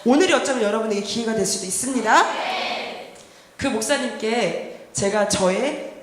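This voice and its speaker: A woman testifies before a church congregation, her fairly high voice heartfelt and earnest as she tells her story, at times quieting down. The sound fills a large echoing sanctuary with a long reverb tail. A faint hum of noise sits behind her. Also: moderate pace. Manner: earnest, heartfelt storytelling, often dropping to soft tones. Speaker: worship leader giving testimony. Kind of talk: personal testimony sermon. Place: church sanctuary during a Wednesday service. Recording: echoey church hall, faint background noise.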